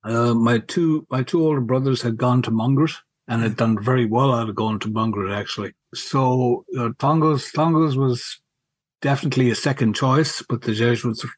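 A middle-aged man, reminiscing casually in a halting, wry way and repeating words as he goes. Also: mid-range voice, no echo. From County Mayo, Ireland. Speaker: podcast guest, school alumnus.

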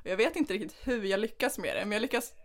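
A young woman co-hosting a casual podcast, telling an animated story and often laughing as she talks. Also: medium pitch. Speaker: podcast co-host.

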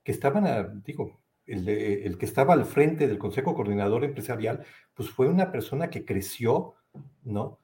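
Mexican guy interview guest, soft dark tone, stop-start talk with little tag questions. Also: medium pitch, lively intonation. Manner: halting, tag-question phrasing. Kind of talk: conversational political commentary.

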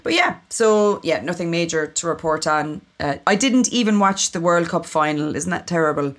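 A woman hosting a casual podcast, friendly, moving briskly between segments. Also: lowish voice, lively intonation. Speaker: podcast host.

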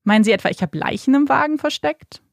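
A nervous mother, as a woman narrator puts her on, half joking to cover her worry. Her voice carries a gravelly edge, recorded close and dry. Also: high voice, lively intonation, fast talker, dry recording, voice pushed up. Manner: nervous, joking to ease tension. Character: anxious mother, a popular school parent.

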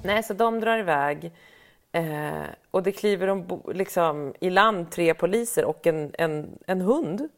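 A middle-aged woman, telling a story in casual chat and acting out other people's lines with big jumps in her voice. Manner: animated storyteller, acts out quotes with big pitch jumps. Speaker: podcast co-host telling a story.

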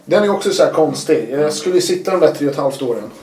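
A man telling his own story in casual conversation, animated and acting out what people said. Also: fairly high pitch, a little hiss or hum. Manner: animated, acts out quotes. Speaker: guest. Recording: roomy echo.

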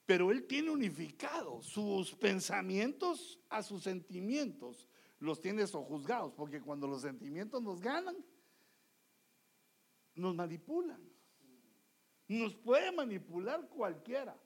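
A man's voice: high voice, slow, husky. A man preaching a sermon, acting out everyday scenes with quoted voices. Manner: animated, acts out quoted voices and dialogues.

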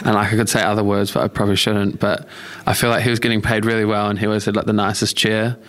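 This young adult man from Australia and New Zealand has a New Zealand accent and a lowish, level voice with a fairly bright tone and quick pace. As an interview guest in casual chat, he gives reflective answers in an informal, hedging way.

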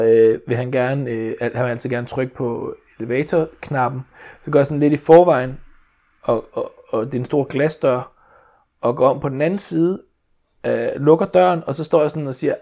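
Rambling dad telling a story. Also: male voice, medium pitch, fairly even intonation, dark tone. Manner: rambling with many restarts and fillers. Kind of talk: casual storytelling chat.

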